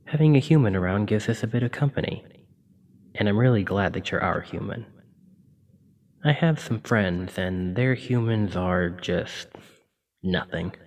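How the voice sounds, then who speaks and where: This ASMR roleplay features a man as a kindly sleep paralysis demon who apologizes and reassures in a gentle, informal manner. Heavily acted and chatty with fond warmth, his low voice is picked up by a distant mic.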